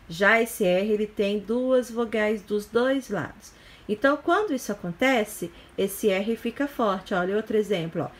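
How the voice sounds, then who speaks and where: A woman teaching young children in a recorded review lesson, explaining patiently step by step and checking in often with short questions. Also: on the high side. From Brazil. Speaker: primary school teacher.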